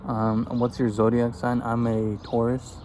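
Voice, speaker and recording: A young Afghan vlogger in his twenties chats casually outdoors while eating, answering get-to-know-me questions in an easygoing, rambling way. His mid-range voice is monotone and darkish, and he speaks a little slowly. Birds and other background noise can be heard.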